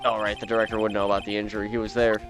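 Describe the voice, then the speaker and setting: A man doing a low deadpan young lawyer. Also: rapid-fire, over music, lightly acted. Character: dry, low-voiced young male defense lawyer.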